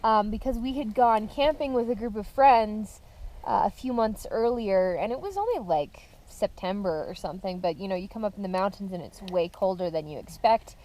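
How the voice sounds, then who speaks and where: A woman telling a camping story in a relaxed, casual way, with fillers, outdoors at a winter campsite. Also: medium pitch, normal speed, low-quality recording. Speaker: host's wife.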